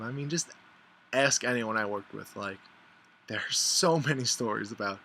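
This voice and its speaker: A man talking casually and warmly to camera about his best friend, filling his talk with "like" and playing out what friends say. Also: a little hiss or hum. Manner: chatty, lots of "like", mimics friends in higher voices. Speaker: vlogger. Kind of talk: casual heartfelt vlog.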